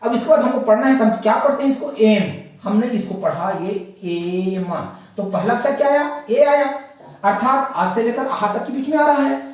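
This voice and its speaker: A man's voice: very high-pitched, expressive, normal speed. A man teaching English grammar in a classroom-style lesson, repeating each rule and asking himself rhetorical questions. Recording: echoey room, voice far from the mic.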